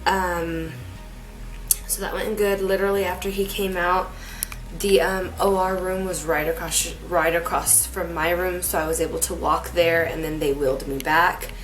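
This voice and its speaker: A woman's voice: fairly low pitch, fairly even intonation, normal speed, faint music behind, poor audio. A woman talking casually in a personal vlog, in a rambling, informal, folksy way. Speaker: vlogger.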